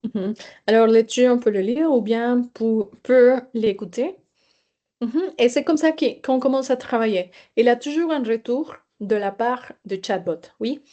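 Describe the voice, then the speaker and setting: A woman's voice: a little high, a little slow, warm tone, lo-fi sound. A woman teacher giving a webinar presentation, explaining hesitantly with fillers.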